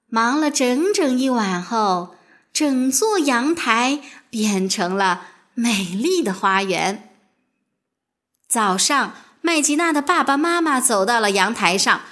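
A woman narrating a children's story with an expressive, sing-song storybook delivery. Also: high-pitched.

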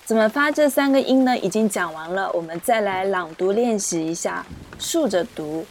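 A woman teaching pronunciation, explaining patiently and repeating syllables slowly for learners. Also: mid-range voice, lively intonation, slight background noise. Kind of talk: slow, clear teaching explanation with drilled syllables. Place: indoors, rain heard outside.

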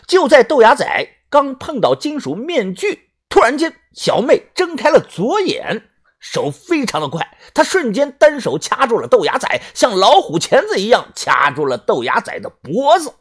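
Animated, husky audiobook narrator. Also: mid-range voice, normal speed. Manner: expressive, animated storytelling. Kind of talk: first-person novel narration.

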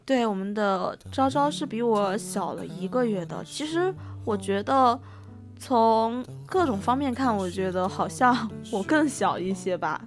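A woman's voice: mid-range voice, expressive, unhurried. A young woman co-hosting a casual chat stream, bantering and teasing her partner. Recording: clear music in the background.

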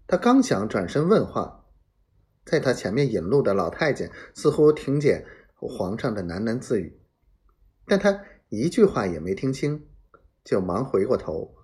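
Slow, lively-pitched male storyteller. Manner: dramatic, voices sound effects in hushed whispers. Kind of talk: serialized historical novel reading.

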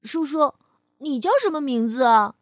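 A woman's voice: high-pitched, normal speed, no room sound, studio quality, natural voice. A woman voicing a small, sweet baby dinosaur who cries easily, in a children's storybook. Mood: eager. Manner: childlike, eager, easily tearful.

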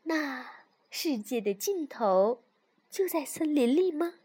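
一位女性在儿童故事中扮演一只认真又活泼的小狐狸。. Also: female voice, sits high, takes it slowly. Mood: eager earnest. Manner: earnest, lively, childlike. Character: small eager young fox cub. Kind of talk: storybook read-aloud.

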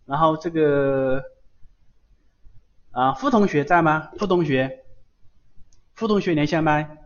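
A male teacher leads an online pronunciation class, patient and repetitive as he models each sound. His voice sits slightly high. The call audio is dull and lo-fi. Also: measured pace. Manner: patient, repeats sounds many times. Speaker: Japanese language teacher. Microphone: computer mic in online class.

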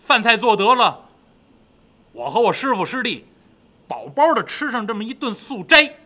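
A man voicing a greedy, chatty male pig monk who rambles and coaxes loudly in a storytelling performance. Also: extremely high pitch, sing-song, moderate pace, pitched above the performer's own voice, heavily acted. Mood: coaxing. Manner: rambling, coaxing, loud.

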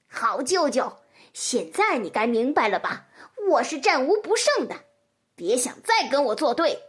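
A woman's voice: sits high, very animated, measured pace. A woman voicing a sly, cunning female fox who gloats and teases in a children's storybook reading. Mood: smug. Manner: smug, teasing.

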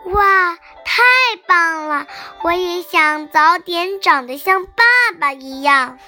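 A woman plays a small dinosaur child in a storybook, his voice pitched very high and shining bright. He sounds excited and pleading. Soft music runs beneath a slow, unhurried delivery. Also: full character voice. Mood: eager. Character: eager little baby dinosaur boy.

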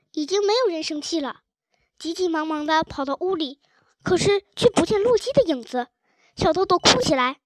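A woman narrating a children's storybook chapter with a gentle, expressive reading. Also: very high-pitched, dry recording. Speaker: audiobook narrator.

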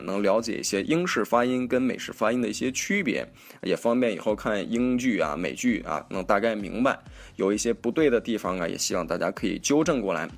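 Chatty man teaching pronunciation. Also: fairly low pitch. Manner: chatty, corrects himself, repeats example words aloud. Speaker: host teaching English pronunciation. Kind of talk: casual spoken lesson.

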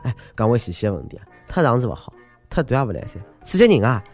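A man's voice: mid-range voice, big pitch swings, quick pace, faint music behind. A man with a Shanghainese accent hosting a scripted humorous news show, joking and exclaiming like a theatrical storyteller. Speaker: host of a comedic news podcast.

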